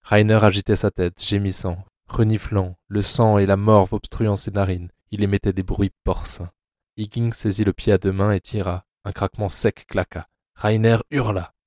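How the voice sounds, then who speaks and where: Deep flat-voiced male narrator. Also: moderate pace, no echo, clean studio sound. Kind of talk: dark scripted narration for audio drama.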